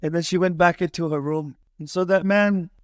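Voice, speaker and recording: High-voiced earnest male preacher, dry sound. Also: steady tone, normal speed, no room sound. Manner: earnest, repeats key phrases for emphasis. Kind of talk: emotional sermon storytelling.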